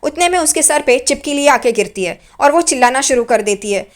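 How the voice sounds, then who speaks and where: A woman's voice: high voice, lively intonation, fairly quick. A woman casually retelling a TV serial episode in a chatty, loose storytelling manner. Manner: chatty, loose storytelling with repeated "here" fillers. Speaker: serial recap narrator.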